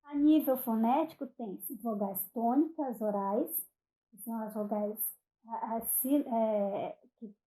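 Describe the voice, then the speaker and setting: A woman with a Brazilian Portuguese accent giving a recorded online phonetics lecture, speaking deliberately, spelling out example words one at a time and checking in with "ok?". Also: a little high, dark tone, rough recording. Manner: frequent "ok?" check-ins and self-corrections. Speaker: university lecturer.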